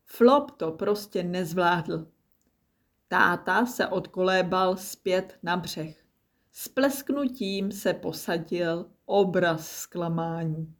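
A woman calmly reading a children's story aloud. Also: fairly low pitch.

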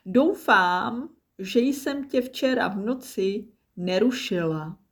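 A woman voicing an eager, polite tortoise in a storybook reading, raising her voice high and bright for the part. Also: close to an everyday voice. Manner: excited, polite. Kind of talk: storybook narration.

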